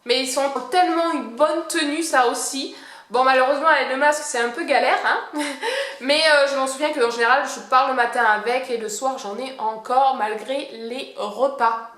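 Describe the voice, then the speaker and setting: A woman's voice: high voice, steady tone, moderate pace, fairly bright tone. A woman chatting casually through a makeup product review, hesitant and self-deprecating, often searching for words. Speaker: beauty vlogger. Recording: echoey room.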